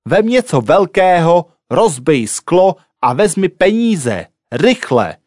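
A man's voice: sits high, big pitch swings, darkish tone, no room sound, voice pushed up. A short-fused robber who snaps insults and commands in a lifted, agitated voice, as a male narrator acts him out. The storybook read sounds close and dry. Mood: angry. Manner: snapping, insulting. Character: bossy, quick-tempered male bank robber.

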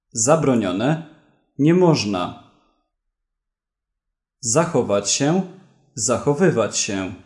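A man reads a word list and then a story for learners. He goes slowly and deliberately, one word at a time. The voice carries a roomy echo. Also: mid-range voice, a little mellow. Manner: plain, deliberate word-by-word reading. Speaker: narrator and vocabulary reader. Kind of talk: slow language-lesson reading.

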